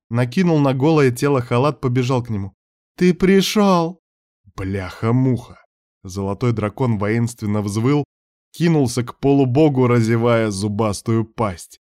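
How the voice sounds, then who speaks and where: A man narrating a fantasy novel as an audiobook in a steady storytelling delivery. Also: medium pitch, moderate pace.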